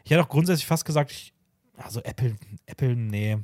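A man's voice: medium pitch, expressive, fairly quick, a little mellow, no room sound, studio quality. A man from Austria, hosting a podcast in casual chat, rambling with many fillers and restarts. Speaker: podcast host.

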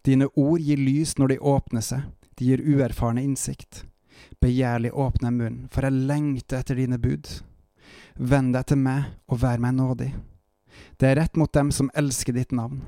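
Calm Norwegian man reading scripture. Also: medium pitch, no echo, clean studio sound. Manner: calm, measured reading with short reflective asides. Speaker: Bible reader and preacher. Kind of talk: Bible reading with devotional commentary.

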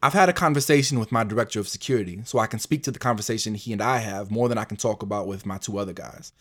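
A man's voice: fairly low pitch, very fast, fairly bright tone. A man who manages a service organization, speaking frankly and directly in an interview.

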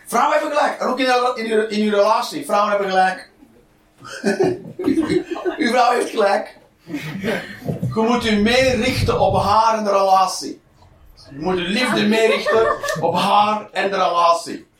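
A man's voice: sits high, a little slow, long pauses, background noise. A man doing a blunt, profane stand-up comedy routine, in an echoey, distant live recording.

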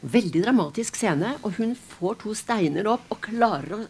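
A woman retelling a story in a casual, animated and dramatic way, with frequent restarts. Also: medium pitch, slightly rough. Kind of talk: casual spoken retelling of a novel.

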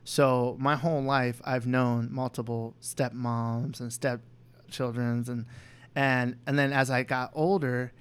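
A man's voice: mid-range voice, level tone, slow pace, clean tone. A young man talking candidly on a podcast, rambling with lots of "you know" and restarts. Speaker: podcast co-host. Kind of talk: candid personal chat.

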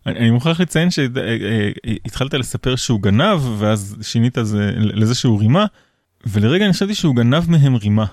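A man's voice: mid-range voice, expressive, a little mellow, no room sound, studio quality. A man co-hosting a casual podcast chat, cutting in with teasing quips. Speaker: podcast co-host.

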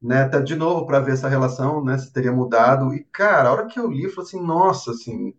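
A man's voice: mid-range voice, fast, recorded from a distance, dull audio. A man with a Brazilian Portuguese accent, a novelist being interviewed, telling his story animatedly and full of fillers. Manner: animated storyteller, filler-heavy, says "cara" and "assim" often. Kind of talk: casual interview conversation.

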